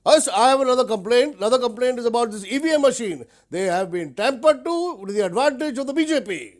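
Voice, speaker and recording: Male actor as political spokesman, Indian accent, high-pitched, indignant, self-important, deadpan insistence, satirical TV interview. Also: fast talker. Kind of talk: satirical mock news interview.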